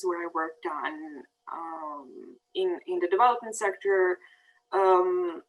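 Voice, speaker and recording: A woman in her thirties gives a prepared talk over slides. She speaks at a middling pitch for a woman and hesitates often. She stops on ums and restarts her sentences. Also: rough recording. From Bosnia and Herzegovina. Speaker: peace fellow giving a presentation.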